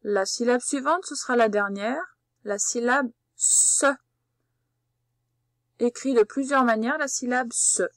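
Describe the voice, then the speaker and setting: A woman teacher giving a patient, slow spelling dictation lesson, spelling out letters one by one. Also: fairly high pitch, no room sound, studio quality.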